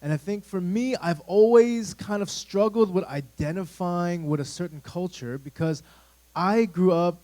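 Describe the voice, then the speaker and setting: The recording is low quality, but the man's voice is high, warm and measured in pace. In a church room, this thirtysomething youth pastor from the United States rambles casually to a youth group, with plenty of fillers and asides.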